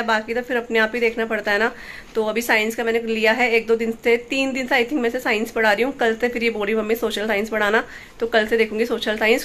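A woman's voice: on the high side, fairly bright tone, a little hiss or hum. A woman from India, a mother, chatting casually through a home vlog in a homely, rambling way. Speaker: vlogger, mother. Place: family home.

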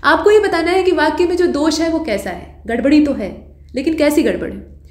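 A woman with a high voice teaches exam-prep grammar, working through each answer step by step. She keeps putting questions to her students and fixes her own slips as she goes. The sound bounces around a roomy space. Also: moderate pace. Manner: patient explainer who asks students rhetorical questions; corrects her own slips mid-sentence.

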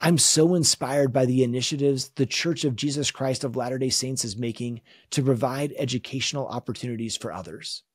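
A religion teacher gives a scripture lesson in an earnest, measured, reflective way, his middle-pitched voice carrying a husky edge. The sound is dry and close, with no echo or room around it.

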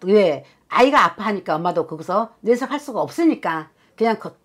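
A woman fortune-teller in her consultation room, speaking at a middling pitch with a forceful, emphatic delivery. She scolds and presses her clients, tossing in short questioning tags as she goes. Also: expressive, moderate pace, breathy edge. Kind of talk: fortune-telling reading for clients.

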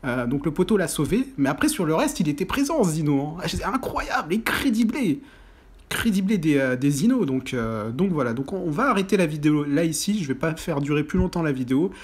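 A man giving excitable commentary over a football video game he is playing, often breaking into loud exclamations and groans. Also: a little high, brisk, hardly any pauses, husky. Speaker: gaming YouTuber. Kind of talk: mobile football gameplay commentary.

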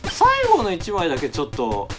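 A man chats playfully as a co-host taking a quiz. His voice sits a little high and moves around with lively intonation. Music plays clearly behind him. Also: normal speed. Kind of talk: playful casual chat.

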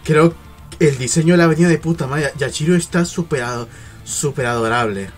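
A young man from reacts to anime in an emotional, exclamatory way, swinging between cries and murmurs. His voice sits a little high. Faint music plays in the background. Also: a little fast. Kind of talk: excited reaction commentary.

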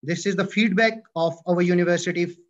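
A man with an Indian English accent and a high voice presents a university department from slides during an online orientation, speaking a little fast with fairly even intonation. He uses fillers and corrects himself, and the audio is dull and lo-fi.

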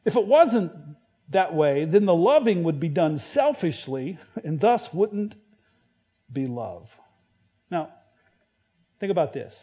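A man preaching a sermon in a conversational way, stumbling and restarting, now and then acting out Bible quotes loudly. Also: fairly high pitch, sing-song, takes it slowly, pauses often. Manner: conversational, self-deprecating preaching with many restarts. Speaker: pastor.

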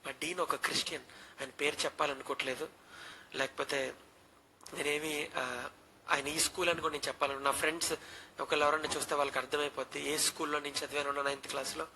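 A man's voice: on the high side, level tone, fast talker, bright, forceful tone, a little hiss or hum, rough recording. A young man in his twenties, a pastor, earnestly telling a personal testimony and slipping English phrases into his speech.

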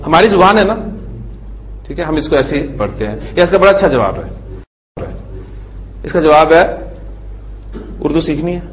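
A man giving a classroom Arabic grammar lecture. He drills word forms slowly, syllable by syllable, and keeps asking the class checking questions. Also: fairly high pitch, sing-song, rough recording.

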